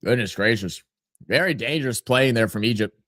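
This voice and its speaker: A man hosting a live watch-along of a soccer match, giving casual play-by-play and reading out chat messages in a relaxed, rambling way. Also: mid-range voice, a little fast, dry recording, studio quality.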